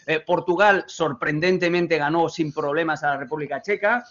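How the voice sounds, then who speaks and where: Spanish-accent man in his thirties, fairly high voice, hesitant, wry pundit, dull call audio. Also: moderate pace, a bit bright. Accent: Spanish (Spain). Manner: loose, hesitant, ironic. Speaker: football analyst. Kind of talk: casual sports debate. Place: home room. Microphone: desk mic on video call.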